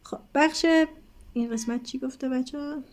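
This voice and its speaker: A woman's voice: sits high, fairly even intonation. A woman teacher explaining an English textbook lesson step by step, patiently addressing her students.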